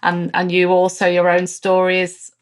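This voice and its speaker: A woman's voice: fairly low pitch, monotone, moderate pace. A woman hosting an interview, asking thoughtful questions with frequent restarts. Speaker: sociologist host interviewing guests. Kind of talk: conversational interview.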